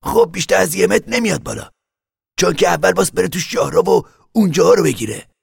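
An eager young farm lad in an audiobook, pitched high above the reader's own voice. His tone is gravelly and husky, with a dry, close sound. He talks in quick, earnest bursts. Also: big pitch swings, no echo, full character voice.

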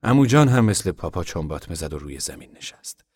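Very deep-voiced male narrator. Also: slightly rough, dry recording. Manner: calm, measured storytelling, at times hushed. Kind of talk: audiobook narration.

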